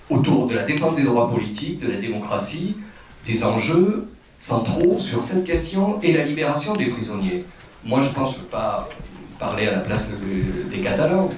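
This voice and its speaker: Very reverberant hall, distant sound, man, lively swooping intonation, impromptu political speech. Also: mid-range voice. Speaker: panel speaker at a political meeting. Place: indoor meeting hall. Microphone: handheld microphone, seated. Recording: very echoey room, distant pickup.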